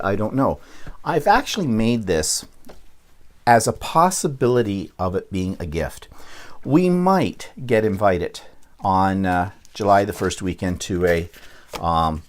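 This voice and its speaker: A middle-aged man from Canada, chatting casually on his quilting vlog, rambling with frequent ums and restarts, clearing his throat now and then. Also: lowish voice. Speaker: quilting vlogger. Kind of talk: casual show-and-tell vlog.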